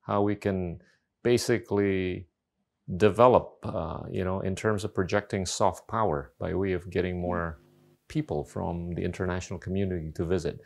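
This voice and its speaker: Male host, fairly low voice, halting questions with frequent restarts. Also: steady tone, vocal fry, a little mellow. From Indonesia. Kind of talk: interview questions.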